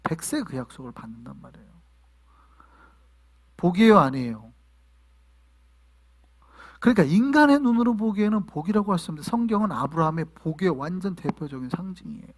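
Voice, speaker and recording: A male pastor preaching a sermon to his congregation, asking them questions and sometimes shouting. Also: sits high, big pitch swings, fairly quick, long pauses. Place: church in New York.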